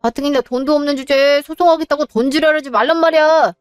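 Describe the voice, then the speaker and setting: A woman's voice: high-pitched, fast, no room sound, studio quality, soft background music, close to an everyday voice. A woman voicing an exasperated younger son. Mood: accusing. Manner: exasperated, argumentative. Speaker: husband character. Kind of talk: narrated drama dialogue.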